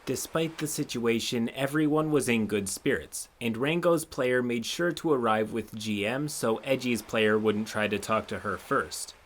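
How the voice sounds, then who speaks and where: A man narrating a submitted tabletop gaming story, with expressive, sarcastic asides of his own. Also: mid-range voice, moderate pace, few pauses. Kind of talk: reading a submitted story aloud with commentary.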